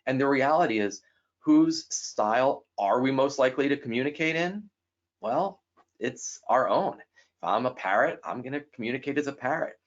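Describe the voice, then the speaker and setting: A man gives a talk on personality styles to a guest, animatedly acting out the people in his stories with quick jumps in pitch. The sound is dull and lo-fi.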